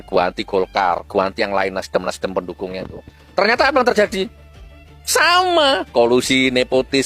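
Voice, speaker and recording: A man delivering a scornful, fiery rant with sudden high-pitched outbursts. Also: a bit bright. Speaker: preacher-style political commentator. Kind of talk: ranting monologue.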